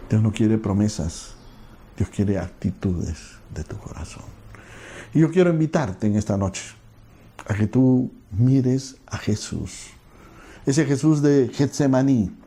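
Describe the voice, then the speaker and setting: Earnest pastor, gravelly dark voice. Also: male voice, fairly low pitch, lively intonation, takes it slowly. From Peru. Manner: earnest storytelling, falling to a hushed prayerful tone. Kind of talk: sermon with personal story and prayer.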